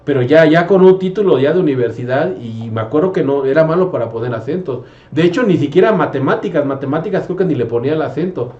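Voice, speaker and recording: A man's voice: fairly high pitch, lively intonation, fast, hardly any pauses. A man, a math teacher hosting a casual conversation, rambling with many fillers and restarts. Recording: roomy, slightly dull sound.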